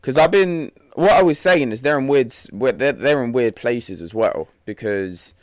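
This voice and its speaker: A man's voice: mid-range voice, expressive, moderate pace, no echo, studio quality. A young man chatting casually on a podcast, using slang, laughing easily and trailing off mid-sentence. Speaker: podcast co-host. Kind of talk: casual chat.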